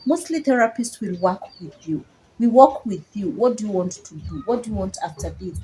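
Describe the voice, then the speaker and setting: A woman's voice: medium pitch, lively intonation, normal speed, mellow, a little hiss or hum, rough recording. Kenyan-accented woman, birdsong behind. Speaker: psychologist guest. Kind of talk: casual explanatory chat.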